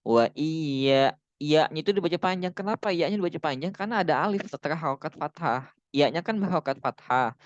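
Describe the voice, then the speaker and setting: A man giving a casual lesson on Quran recitation rules, chatting with his viewers and drawing out the example words slowly. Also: on the high side, no room sound, highs cut off. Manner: chatty, drawn-out demonstration recitations. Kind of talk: casual online tajwid lesson.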